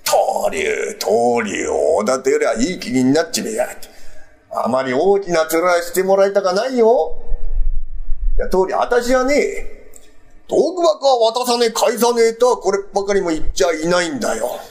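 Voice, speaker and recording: A man's voice: high voice, very animated, normal speed, darkish tone. A man voicing a stubborn, pompous elderly landlord with an old Edo Tokyo accent, drawling and mocking in rakugo storytelling. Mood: sneering. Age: older.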